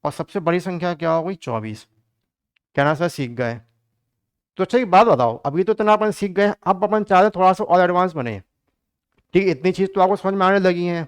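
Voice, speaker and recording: A man talks through exam-prep math problems, chatty and joking, calling his viewers kids. His voice sits fairly high and sounds clear and smooth. The recording is dry and close, with no room sound. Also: brisk, no room sound. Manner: chatty, addresses students as kids, jokes while teaching. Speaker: math teacher.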